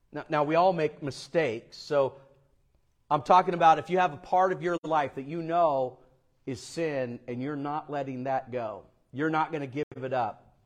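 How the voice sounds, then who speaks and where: A man preaching a Sunday sermon in a church, his voice pitched a touch high. He builds to loud, raised passages, then drops to a low, quiet delivery on key words. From Florida. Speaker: pastor.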